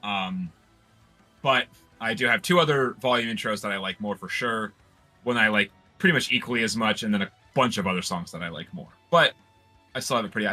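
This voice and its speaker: A man co-hosting a casual chat, excitable and rambling, with frequent restarts. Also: lowish voice. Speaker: podcast co-host.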